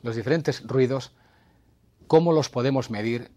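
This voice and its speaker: A man's voice: medium pitch, unhurried, warm tone, muffled recording. A man presenting a hearing-health segment on television, explaining to camera and demonstrating with whispers and a raised voice.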